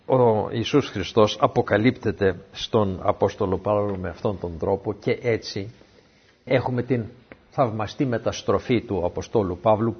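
A man giving a Bible teaching talk, a lively storyteller who asks his listeners questions. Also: on the low side, slightly rough. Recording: dull, muffled lo-fi recording.

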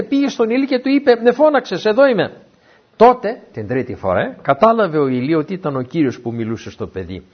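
A man giving a Bible teaching talk, a lively storyteller who asks his listeners questions. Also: high-pitched, breathy edge. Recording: dull, muffled lo-fi recording.

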